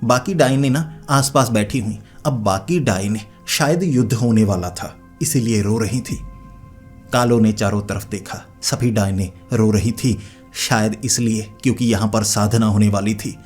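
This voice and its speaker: A man's voice: lowish voice, measured pace, soft background music. A man narrating a horror story in a chatty, conversational way.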